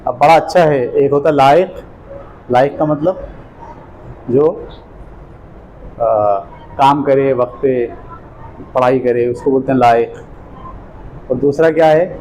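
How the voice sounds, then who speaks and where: Man, lecturer, mellow tone, explains step by step, checks understanding, faint background noise. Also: mid-range voice, pauses often, poor audio. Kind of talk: classroom lecture.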